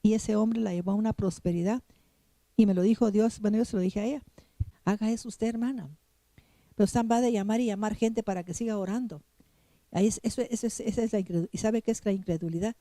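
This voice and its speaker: A woman's voice: mid-range voice, steady tone, fast, mellow, no echo. A woman pastor preaching a sermon, emphatic and repetitive, often putting questions straight to the congregation. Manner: emphatic, repeats phrases, questions the congregation directly.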